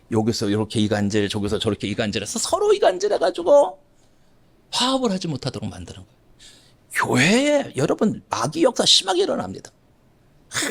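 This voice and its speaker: A man's voice: fairly high pitch, huge pitch swings, a little fast, creaky, slightly rough. A middle-aged man preaching a Sunday sermon as a pastor, emphatic and repeating key phrases as he speaks to the congregation.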